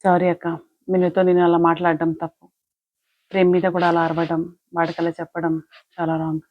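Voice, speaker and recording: A woman's voice: fairly low pitch, completely flat delivery, brisk, dry recording, lightly acted. A woman playing a stubborn young mother who defends holding a grudge against her friend. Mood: remorseful. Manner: defensive, justifying herself. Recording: dull lo-fi, dry.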